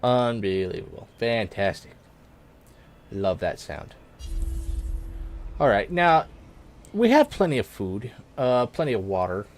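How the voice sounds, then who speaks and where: A young man giving casual, rambling let's-play commentary, full of fillers and self-corrections, with excited bursts when something in the game surprises him. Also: medium pitch, takes it slowly, long pauses, faint music behind. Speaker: gaming YouTuber.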